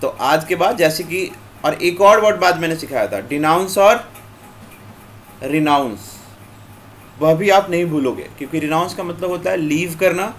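A man teaching English vocabulary in an online class, explaining slowly and repeating "theek hai" after nearly every phrase. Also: on the high side, a bit bright. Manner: slow, repetitive explaining, mixing Hindi and English. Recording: faint background noise.

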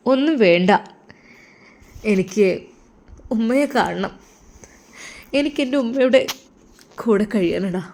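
A woman's voice: medium pitch, lively intonation, takes it slowly, long pauses, a little mellow. A woman voicing a grieving adult man, an abandoned father who is crying, with a sorrowful, pleading manner in a storybook. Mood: tearful. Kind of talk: storybook narration.

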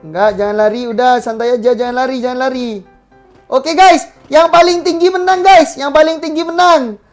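Gamer woman, high voice, keeps repeating orders, swears a lot, faint music behind. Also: steady tone, normal speed. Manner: bossy, repetitive commands, casual swearing. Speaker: gaming channel host. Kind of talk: live game commentary giving orders to players.

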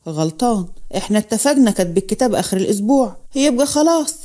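A woman's voice: medium pitch, lively intonation, very fast, mellow, lightly acted. A woman with an Egyptian accent voicing an arrogant young village man who talks in a bored, dismissive way.

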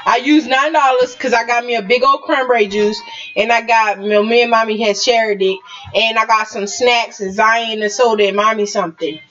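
A woman chatting casually at home with friends in a lively, talkative way. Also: fairly high pitch, normal speed. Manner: chatty, lively, laughs often. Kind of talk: casual chat. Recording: lo-fi home recording with music.

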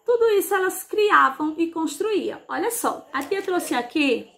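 A Brazilian woman teaching young children over a televised lesson, talking slowly and kindly, with lots of diminutives and check-in questions. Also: very high voice, animated, vocal fry, fairly bright tone, a little hiss or hum. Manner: slow, sing-song teacher talk with diminutives. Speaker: primary school teacher. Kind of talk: televised remote class for children.

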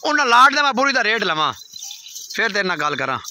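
A man's voice: sits high, very animated, a little fast, bright, forceful tone, a little hiss or hum. A man, haggling insistently and repeating himself while filming with a phone in an open farmyard. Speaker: vlogger and goat buyer. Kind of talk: casual bargaining on camera. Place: outdoor dusty farmyard. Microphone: phone held at arm's length.

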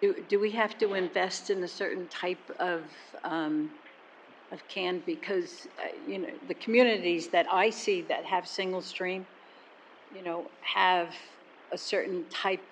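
A woman's voice: fairly low pitch, fairly even intonation, a little hiss or hum, poor audio. Older woman asking questions at a council meeting. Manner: halting, hesitant questions with fillers. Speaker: council member. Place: council meeting room, indoors. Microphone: desk microphone.

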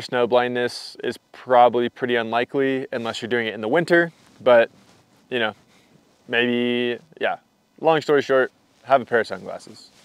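A young man, a hiking vlogger, casually walks through his hiking gear on camera in a rambling, loose, relaxed way with lots of fillers. His voice is medium-pitched and smooth. The recording is dry, captured on a camera mic.

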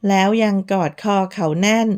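A woman narrating a romance novel in a slow, measured, even reading voice. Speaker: audiobook narrator.

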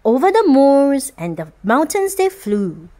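Slow, sing-song woman reading a picture book. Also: sits high. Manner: expressive, sing-song, rhyming cadence. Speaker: storyteller for children.

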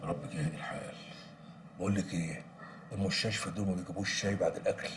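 A man's voice: low voice, steady tone, very fast, background noise, close to an everyday voice. An actor playing a fatherly Egyptian man giving soothing advice. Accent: Egyptian Arabic. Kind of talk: TV drama acting.

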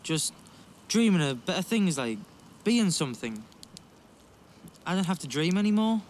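A man's voice: high-pitched, big pitch swings, moderate pace, a little hiss or hum. An actor playing an earnest, defensive young working-class man with a Geordie accent in a naturalistic drama. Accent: Geordie, North East England.

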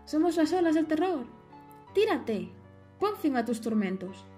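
A woman's voice: high-pitched, very animated, a little slow, warm tone, soft background music, voice pushed up. A woman voicing a pair of mocking, gossipy sea waves in an audiobook, squealing and melodramatic. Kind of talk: audiobook character voice.

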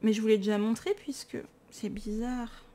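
A woman's voice: fairly high pitch, steady tone, moderate pace, mellow, a little hiss or hum. French woman vlogging, tired but gushing, chatty and self-mocking. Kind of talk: casual chat, showing books.

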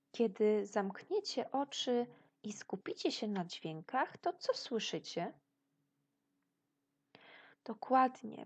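Polish woman teacher, slow and gravelly, patient lesson for small children. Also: on the high side. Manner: praises pupils' imagined answers. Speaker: primary school teacher. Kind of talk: recorded video lesson for children.

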